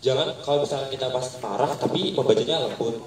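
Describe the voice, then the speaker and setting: A man's voice: mid-range voice, fast talker, a little hiss or hum. A man taking part in a workshop, explaining things hesitantly with many fillers. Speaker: workshop participant. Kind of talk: casual explanation in class. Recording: echoey room, mic far off.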